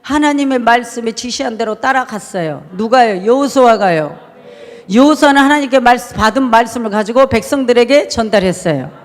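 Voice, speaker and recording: A woman pastor preaching a sermon, firing rhetorical questions at the congregation and swinging between shouting and a near-murmur. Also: a little high, expressive, fairly quick. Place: church sanctuary. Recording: echoey church hall.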